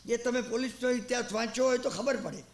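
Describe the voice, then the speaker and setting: A man's voice: very high-pitched, fast, echoey room. A man preaching a sermon, telling a story and acting out its characters. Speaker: Jain preacher.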